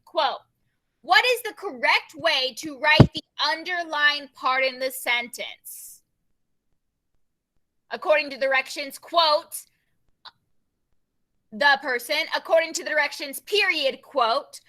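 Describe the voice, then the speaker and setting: High bright woman, teacher, brisk, repeats herself, video call. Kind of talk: online class teaching.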